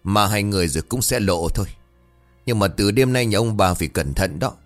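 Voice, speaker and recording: A grave, slow-spoken village elder past seventy, as a male storyteller puts him on, deep and weighty in a spooky audio ghost story. His words land heavy and unhurried, with a lively rise and fall. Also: faint music behind, natural voice. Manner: slow, solemn, commanding.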